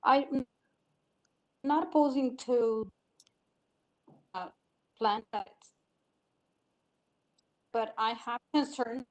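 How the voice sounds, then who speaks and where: A woman neighbor speaking at a public hearing over a video call, halting and hesitant, her voice breaking up over a bad connection. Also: on the high side, darkish tone, muffled recording. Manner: halting, hesitant, many fillers. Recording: choppy distant online call audio.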